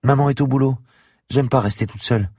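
A man's voice: medium pitch, fairly quick, dark tone, slightly rough, dry recording, clean studio sound, pitched above the performer's own voice, close to an everyday voice. A man voicing an eerie, insistent little girl who repeats herself urgently in an audiobook. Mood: pleading. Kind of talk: audiobook character voice.

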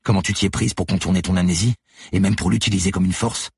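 A man's voice: low-pitched, steady tone, fast, darkish tone, breathy edge, no echo, clean studio sound, pitched above the performer's own voice, heavily acted. A man voicing a relentless woman police detective who lays out her accusations steadily and methodically in an audiobook. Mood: accusing, cold. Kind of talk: audiobook character voice.

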